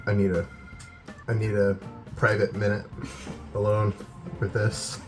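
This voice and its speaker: A man's voice: on the low side, flat delivery, a little slow, faint music behind. A man co-hosting a cooking vlog, chatting casually and cracking playful jokes. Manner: playful, wisecracking. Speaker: co-host cooking on camera.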